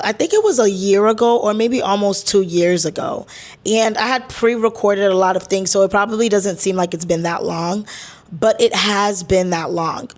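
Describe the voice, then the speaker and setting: Chatty young woman podcast host. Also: medium pitch. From Boston, USA. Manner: chatty and conversational, with asides like "child" and "hold up". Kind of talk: casual solo podcast monologue.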